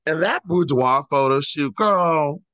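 A man's voice: on the high side, lively intonation, takes it slowly, pushed and bright, dry recording, poor audio. A man co-hosting a podcast, teasing and sassy, swearing through casual gossip about reality TV. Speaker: podcast co-host.

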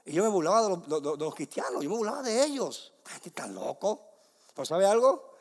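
A young adult man preaching a sermon, moving between loud emphatic declarations and soft hushed passages. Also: high-pitched, big pitch swings, fast. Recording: long hall reverb.

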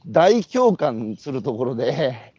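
A man's voice: mid-range voice, slow, slightly rough, dry recording, highs cut off. A man from Iwate with a Tohoku accent, hosting a walking interview and telling stories with rhetorical questions. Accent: Tohoku Japanese. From Iwate, Japan. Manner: animated, storytelling with rhetorical questions. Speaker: host. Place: outdoors, walking.

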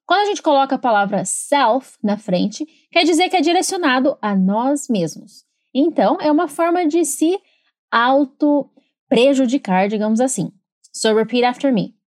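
A woman hosts an English lesson, with a fairly high voice and a close, dry sound. She reads English phrases slowly and carefully, then explains them in brisk Portuguese. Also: animated, no room sound. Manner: switches between slow careful English and fast Portuguese. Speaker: English teacher and podcast host. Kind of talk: bilingual language lesson.

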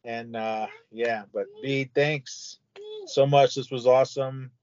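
A man's voice: mid-range voice, fairly even intonation, slow, darkish tone. An older man, a podcast guest, rambling casually with lots of fillers. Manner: rambling, filler-heavy plugs. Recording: dry, dull lo-fi audio.

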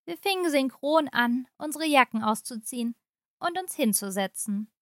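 A woman narrating a short story aloud for a podcast, in a calm, measured read-aloud manner. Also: high-pitched, no room sound, clean studio sound. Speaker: story reader for an advent podcast.

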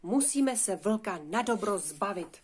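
A woman voicing a calm, wise little pig. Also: mid-range voice, breathy edge. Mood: reassuring. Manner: calm, reassuring and measured. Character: wise, hardworking eldest male piglet.

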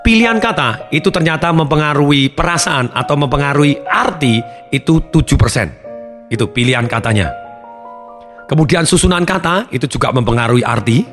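A man giving a motivational seminar talk, animated, switching his tone to act out examples. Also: on the high side, fairly quick, over music. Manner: animated, acts out tones of voice as examples. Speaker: motivational speaker.

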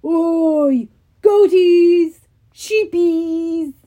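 Woman doing a loud bellowing cyclops. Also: high-pitched, lively intonation, takes it slowly, exaggerated voice. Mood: gruff bellowing. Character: huge brutish male cyclops shepherd.

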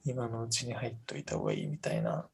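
A man in his thirties co-hosting a podcast in casual chat, rambling with many fillers in a soft, low-key way. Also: wildly swooping pitch, quick pace, gravelly, breathy edge. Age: 30s. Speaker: podcast co-host. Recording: faint music underneath.

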